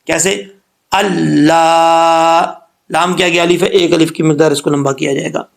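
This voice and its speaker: A man giving a Quran recitation lesson, who explains each rule patiently and slows down to model the sounds. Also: fairly high pitch, steady tone, gravelly.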